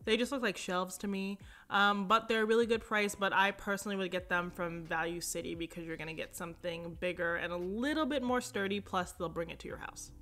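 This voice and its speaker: Bright, chatty young woman vlogger. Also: mid-range voice, brisk, hardly any pauses. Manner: chatty, upbeat, lots of fillers and asides. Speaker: home decor vlogger. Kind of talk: casual shop-with-me voice-over.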